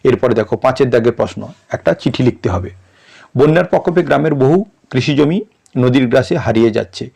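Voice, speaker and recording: A male tutor with a gravelly, creaky voice. He reads model answers aloud and breaks words into syllables in a measured, teacherly way. His pitch sits in an ordinary middle range. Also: lively intonation, warm tone. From West Bengal. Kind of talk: reading out and explaining exam answers.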